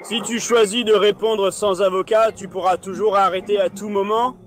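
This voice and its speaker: A man voicing a police officer in dubbed bodycam dialogue, his voice on the high side. He reads out procedure in a steady, measured way. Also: slight background noise. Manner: steady, procedural reading of rights.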